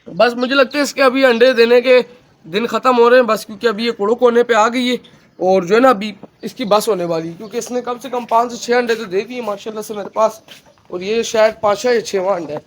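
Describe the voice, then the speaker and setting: High-voiced chatty man vlogging his hens. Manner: chatty, keeps addressing friends, excitable around the hen. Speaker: pet vlogger. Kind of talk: casual vlog commentary. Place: outdoors with chickens. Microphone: phone camera.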